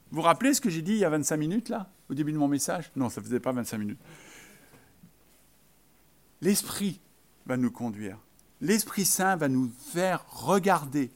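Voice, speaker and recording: High-voiced man preaching a joking sermon. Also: a bit bright. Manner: conversational and joking, with asides to the congregation; emphatic, repeating key phrases.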